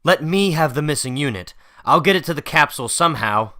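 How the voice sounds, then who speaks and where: A man's voice: fairly high pitch, expressive, brisk, pushed and bright. A man voicing an earnest, brash young superhero with urgent exclamations, in a dramatic comic book reading. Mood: determined.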